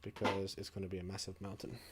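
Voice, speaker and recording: A man's voice: deep voice, little pitch movement, fast, heavy background noise. A man streaming a video game, chatting casually, muttering and swearing as he plays. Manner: mutters and swears while playing. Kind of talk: casual gaming livestream chat.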